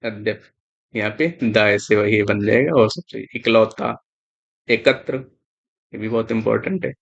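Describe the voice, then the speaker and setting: A man's voice: lowish voice, a little slow, gravelly, dull audio. A man teaching exam spelling, going through words one by one and repeating that each one is important. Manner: repetitive, emphatic, stresses importance. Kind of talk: explaining spelling on screen.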